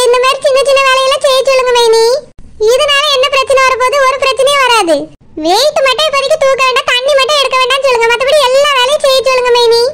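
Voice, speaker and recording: A woman's voice: extremely high pitch, a bit bright. A woman doing a meddling gossipy village woman. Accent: Tirunelveli Tamil. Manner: meddling, persuasive.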